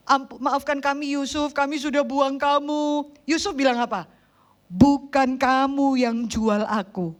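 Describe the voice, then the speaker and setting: A woman preacher, telling stories animatedly in a sermon and acting out the people in them. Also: high-pitched. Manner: animated storytelling, acts out quoted voices.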